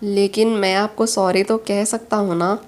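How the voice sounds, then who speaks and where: A woman's voice: mid-range voice, little pitch movement, measured pace, close to an everyday voice. A woman voicing a remorseful, smitten young male boss in a storybook reading, speaking in an earnest, pleading way. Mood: teasing.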